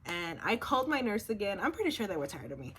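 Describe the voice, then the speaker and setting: A woman's voice: medium pitch, very animated, fast, slight background noise. A young woman casually telling her own story as a vlogger, blunt and swearing freely in run-on sentences.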